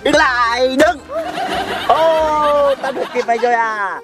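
Brief: performer as a boastful young village man in a comedy sketch, high and loud. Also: unhurried, music in the background. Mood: bossy. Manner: loud, clowning, laughs at own jokes. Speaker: comic lead.

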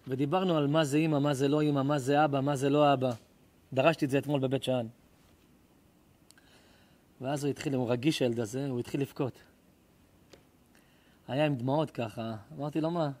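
A middle-aged man, a rabbi, giving an emotional sermon full of stories, swinging between loud cries and hushed tones. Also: medium pitch, fairly even intonation, long pauses. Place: live lecture before an audience.

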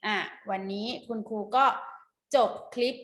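A woman teacher giving a phonics lesson to children, repeating each letter sound slowly and clearly. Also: a bit bright, echoey room. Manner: slow, drawn-out repetition of letter sounds.

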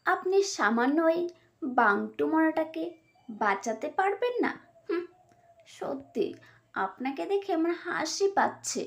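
[name], a woman doing a sneering cartoon vixen. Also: exaggerated voice. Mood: taunting. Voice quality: high, giggling and sneering. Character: sly mocking female fox, scheming and taunting. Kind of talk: cartoon voice acting. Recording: faint music behind.

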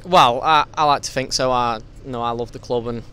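A man's voice: mid-range voice, brisk, sharp tone, clear, resonant tone. A young male footballer speaking upbeat and fluently after a match outside a stadium entrance, into a handheld mic. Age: young adult. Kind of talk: post-match interview.

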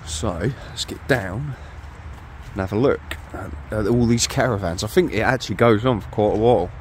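A man's voice: fairly low pitch, normal speed, a little hiss or hum. A British man casually narrating a walk around an abandoned site outdoors, upbeat and chatty as he points things out. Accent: British English. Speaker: vlogger exploring abandoned places.

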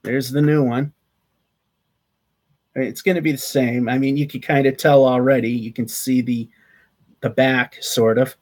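A man in his thirties, his voice mid-range and darkish, keeps a level tone and speaks a little slowly with long pauses. As channel host, he gives a casual, rambling vlog update laced with fillers and restarts, filmed by webcam at desk distance in a small attic room with a sloped, wood-paneled ceiling.

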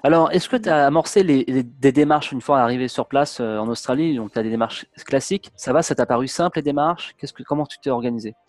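A man talks quickly as the host of a casual interview, tripping over his words and restarting often. His voice sits at a middle pitch and sounds dry and close, with no room around it. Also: darkish tone, no room sound. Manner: fast, chatty, full of restarts and fillers. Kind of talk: casual interview and travel advice.

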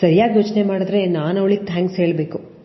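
A woman's voice: mid-range voice, fairly even intonation, fast talker, natural voice. A woman voicing a remorseful young man who pleads earnestly for forgiveness, read in a storybook narration. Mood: remorseful pleading. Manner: pleading, apologetic. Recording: dull lo-fi audio with long reverb.

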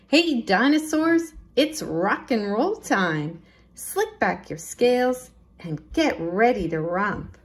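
A storytime librarian with a medium-pitched voice reads a children's picture book aloud. She's expressive and deliberate, leaning into the rhymes and rhythm.

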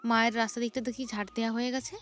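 A woman's voice: fairly high pitch, steady tone, rapid-fire, a bit bright, soft background music. A young woman, narrating her morning chores in a chatty home vlog. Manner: chatty, describing chores as she goes. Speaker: vlogger.

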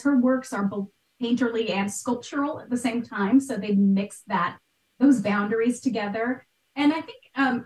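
Guesting on a video-call interview from a small, bright room at home, a probably middle-aged art historian and podcast host talks a lot and explains with emphasis. Her voice is a little high and darkish, captured by a computer mic that sounds far off, with room echo.

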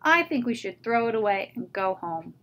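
A woman reading a children's story, voicing an eager, easily discouraged little male toad. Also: on the high side. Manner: excited, gives up fast.

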